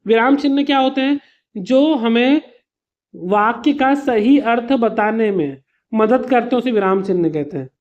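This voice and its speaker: A man's voice: extremely high pitch, a little slow, highs cut off. A man teaching an exam revision lesson to students. He explains patiently with simple examples, calls his students "beta" and slips English words into his explanations.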